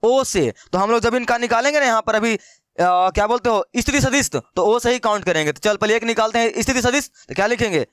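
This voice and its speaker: A man's voice: very high voice, fairly quick, a bit bright, clear, resonant tone, dry recording, studio quality. A man teaching maths in a casual, chatty way, repeating questions to his students and calling them brother. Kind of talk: casual Hindi maths lesson.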